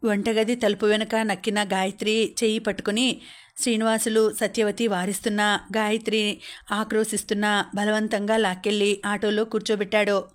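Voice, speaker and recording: A woman's voice: mid-range voice, normal speed. Woman narrating an audiobook novel. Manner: steady, even storytelling.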